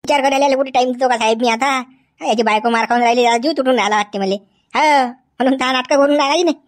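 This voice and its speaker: A woman in a rural comedy sketch, chattering fast and crying out pleas. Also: high voice, noisy background.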